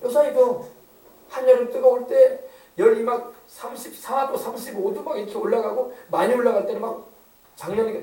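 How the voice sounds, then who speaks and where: A man's voice: high voice, warm tone, reverberant, distant mic, rough recording. A male pastor preaching an emphatic sermon, often asking the congregation to agree. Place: church sanctuary.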